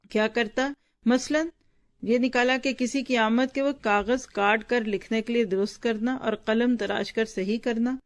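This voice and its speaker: A woman Islamic teacher reading from a book to her students and explaining it, stopping to ask and answer what words mean. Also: medium pitch. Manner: pauses to explain word meanings with quick questions to the class; conversational, addresses listeners directly.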